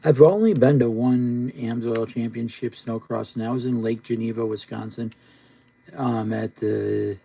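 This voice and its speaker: A man's voice: medium pitch, steady tone, unhurried, gravelly, mellow, husky, low-quality recording. A man live streaming casual, rambling chat in a laid-back stoner drawl, often repeating himself. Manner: repetitive, rambling.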